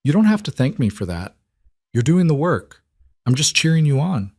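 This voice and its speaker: A man as a calm, reassuring single dad. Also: fairly high pitch, moderate pace, no room sound, clean studio sound, voice pushed up. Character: warm steady single dad, encouraging.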